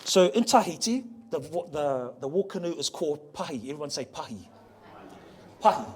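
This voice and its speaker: At a museum talk venue, a man with a somewhat high, breathy voice and lively intonation speaks about ocean voyaging heritage. He is playful and joking, slowly sounding out pronunciations and getting listeners to say them back.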